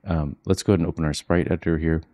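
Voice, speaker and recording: A man with a very deep, dark voice talks through a screen-recorded coding lesson. He keeps it quiet and flat, as if trying not to wake anyone at home. His pace is relaxed and chatty, with plenty of fillers. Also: very fast. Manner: quiet, low-key monotone delivery; relaxed walkthrough with frequent fillers. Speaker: coding instructor. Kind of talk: screen-recorded software tutorial. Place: home, with children asleep nearby.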